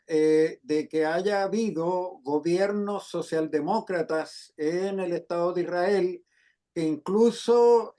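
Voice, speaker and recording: Male host, slow and measured, fairly high voice, hesitant questioner. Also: darkish tone. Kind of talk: conversational interview, questioning.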